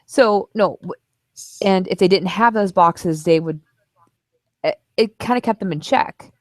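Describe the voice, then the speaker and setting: A woman's voice: medium pitch, a little slow, no echo, clean studio sound. A woman co-hosting a casual book club discussion, frank and opinionated about what she read.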